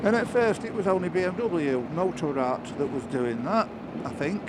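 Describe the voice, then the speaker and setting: British male motovlogger, lightish pitch, casual and chatty riding commentary, heavy wind and engine noise on the mic. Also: animated, normal speed. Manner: chatty, musing aloud. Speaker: motorcycle vlogger. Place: outdoors, riding a motorcycle. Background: loud wind, engine and traffic noise.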